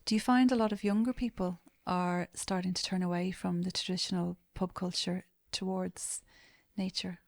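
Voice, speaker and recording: A woman hosting a podcast asks her questions calmly and steadily. Her voice is lowish and stays very flat in pitch, with little rise or fall. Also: moderate pace, gravelly, few pauses. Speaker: host, psychotherapist.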